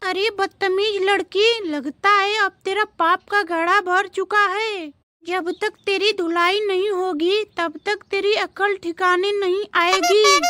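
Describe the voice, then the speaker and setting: A woman voicing a nagging, scheming old mother-in-law in a homemade comedy skit, scolding and shrill. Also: fairly even intonation, takes it slowly, pushed and bright, full character voice. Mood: stern. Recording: noisy home recording.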